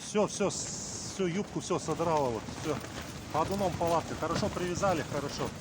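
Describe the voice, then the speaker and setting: A man's voice: a little high, normal speed. A man casually narrating a fishing vlog out in strong wind, with gusts hitting the microphone. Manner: speaking outdoors or in a tent in strong wind. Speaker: fishing vlogger. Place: frozen lake, out in wind and in a flapping tent. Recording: loud wind buffeting the mic.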